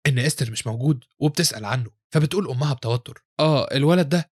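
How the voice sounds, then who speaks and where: Rapid-fire man with an Egyptian accent. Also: medium pitch, slightly rough, dry recording, clean studio sound. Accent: Egyptian Arabic. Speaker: recap narrator. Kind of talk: story recap narration.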